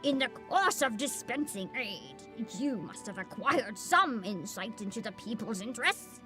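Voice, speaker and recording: Courtly old man for a fantasy game, played by a woman: formal, archaic, earnest, measured delivery over background music. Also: fairly high pitch, expressive, bright, forceful tone, pitched below the performer's own voice. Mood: earnest, troubled. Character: formal old man, a festival delegate asking for help.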